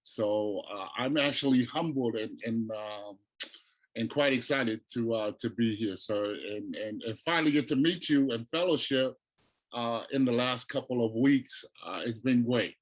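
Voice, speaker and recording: A middle-aged man from Tonga, a guest telling his life story in a relaxed, reflective way, full of "you know" and restarts. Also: mid-range voice, a little slow, rough recording. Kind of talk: casual storytelling interview.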